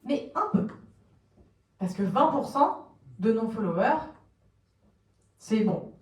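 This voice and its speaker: A French woman giving a lively conference talk, explaining plainly, asking the audience questions and acting out quotes. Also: on the high side, slow. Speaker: conference speaker on social media marketing. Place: conference room, recorded from a distance. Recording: roomy, distant conference recording.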